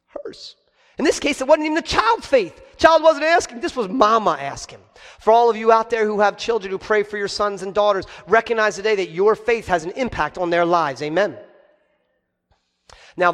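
High-voiced male pastor preaching. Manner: preaching with rhetorical questions to the congregation; animated storytelling. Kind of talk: sermon. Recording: long hall reverb.

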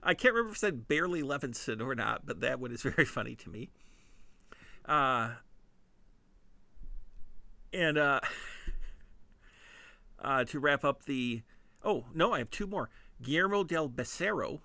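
Giggly Midwestern man with a gravelly voice. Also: medium pitch, animated, measured pace, long pauses, bright, forceful tone, dry recording. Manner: giggly, self-amused punning. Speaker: podcast host. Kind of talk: casual comedic monologue.

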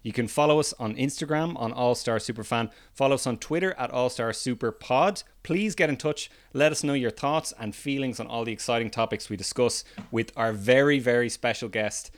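A man's voice: medium pitch, a little fast, few pauses. A man, hosting a podcast and welcoming listeners and guests in a presenter's style. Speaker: podcast host. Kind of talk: podcast introduction and interviewing.

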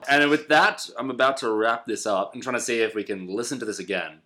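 A young Australian man co-hosting a comedy podcast in casual chat, playful and quick to laugh. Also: mid-range voice, bright, forceful tone, reverberant. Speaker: podcast co-host.

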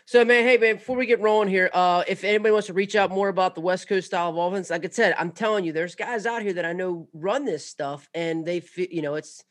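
A man's voice: sits high, fast, few pauses. A man hosting a casual interview, friendly and laid-back, dropping "man" and "dude" often. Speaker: podcast host.

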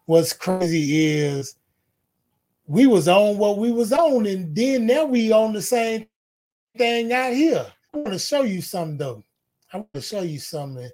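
A man's voice: high voice, lively intonation, a little slow, a little mellow. A man hosting a podcast in casual chat, who backs up his guest with short words of agreement. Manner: supportive listener, short affirmations. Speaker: podcast host.

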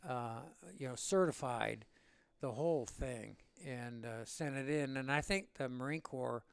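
A man in his seventies from Illinois, a veteran telling a war story in an interview, rambling and animated. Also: mid-range voice, a little slow, vocal fry, clear, resonant tone, no echo. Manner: rambling and animated, with laughs and acted-out quotes. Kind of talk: oral-history storytelling.

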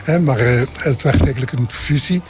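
A man's voice: medium pitch, moderate pace. An older Belgian man in his seventies with a Limburg accent, speaking hesitantly as a parish priest answering interview questions. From Belgian Limburg, Flanders. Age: 70s. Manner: hesitant, repeats himself.

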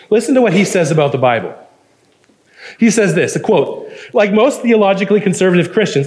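A male pastor with a notably high voice delivers a sermon in an earnest, emphatic way. He reads passages aloud and presses his points with steady conviction.

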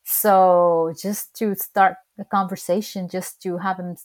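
A woman from Chile talks slowly in a lowish, level, somewhat mellow voice, carrying a strong Chilean Spanish accent from her first language. In this easygoing interview she spins stories in a chatty manner, laughing and restarting now and then.

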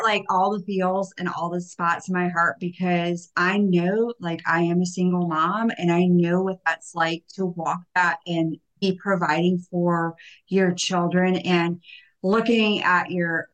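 A woman's voice: on the low side, fairly bright tone, low-quality recording. A woman hosting a faith-centered interview, reacting in an effusive, emotional way. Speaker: host. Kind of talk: podcast interview.

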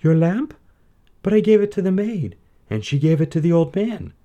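Princess for a storybook: young, gentle, high-voiced, a man puts her on. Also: sing-song, moderate pace, dull audio. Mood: anxious.

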